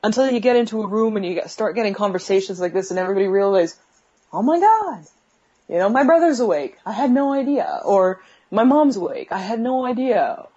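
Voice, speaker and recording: A woman's voice: medium pitch, expressive, brisk, mellow, highs cut off. A woman answering interview questions over a bad phone video call from her bedroom, with a connection that breaks up, and speaking hesitantly with many fillers. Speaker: interview guest. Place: bedroom at home. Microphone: video call app on a phone.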